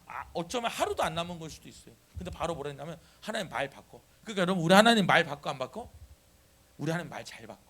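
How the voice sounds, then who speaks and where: A man's voice: a little high, fast talker. A man preaching a sermon as pastor, calling on the congregation to answer and repeat after him. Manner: animated, calls for congregation responses. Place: church sanctuary.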